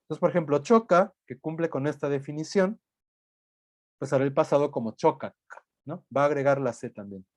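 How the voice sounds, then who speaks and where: A man gives a recorded lecture in a fairly high voice. The sound is dry and close, with no room around it. He explains patiently, thinking aloud and tagging his points with quick questions. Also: darkish tone, no echo.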